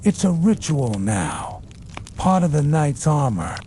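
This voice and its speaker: Slow, mellow man narrating a bedtime story. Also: a little high, big pitch swings, a little hiss or hum. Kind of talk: soothing bedtime scripted narration.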